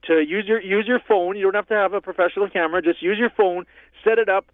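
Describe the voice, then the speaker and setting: A man with a slightly high voice talks through a thin, phone-like line. His sound is close and dry, with no room around it. He gives easygoing, rambling explanations as a guest musician. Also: fairly even intonation, quick pace, no echo. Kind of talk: casual interview chat. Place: home in northern Canada.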